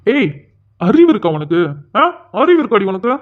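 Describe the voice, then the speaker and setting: A woman's voice: medium pitch, big pitch swings, moderate pace, close to an everyday voice. Woman voicing Vikram, a sneering bully schoolboy. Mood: scolding. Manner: sneering, scolding. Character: arrogant bullying schoolboy, hot-tempered. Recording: tinny phone-like audio.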